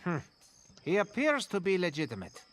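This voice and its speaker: A man's voice: high-pitched, huge pitch swings, moderate pace. A man playing a vain, scheming male skunk villain with a haughty, theatrical delivery in a video game cutscene. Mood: suspicious.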